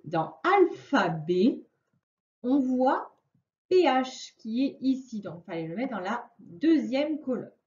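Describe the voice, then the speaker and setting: A woman teacher giving a slow, clearly spoken lesson to children, stretching out each word. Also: fairly high pitch, darkish tone. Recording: echoey room, dull lo-fi sound.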